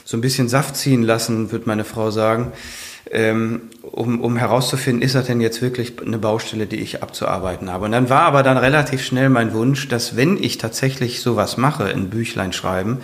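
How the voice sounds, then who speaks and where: A man's voice: mid-range voice, normal speed. A man in his fifties, a firefighter and author, telling his story in a casual interview, earnest and rambling with many fillers and restarts.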